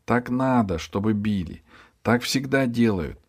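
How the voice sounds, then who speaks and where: A man voicing a calm young village girl who explains things quietly. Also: fairly low pitch, measured pace, breathy edge, pitched above the performer's own voice, heavily acted. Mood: hushed. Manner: hushed, matter-of-fact.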